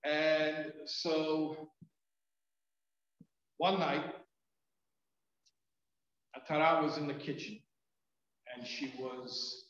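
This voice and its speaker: A man, a rabbi, tells stories at a community event in a lively, chatty way, full of fillers and restarts. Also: a little high, very slow, long pauses. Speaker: rabbi, storyteller. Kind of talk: storytelling talk at a community event. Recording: very echoey, dull event hall sound.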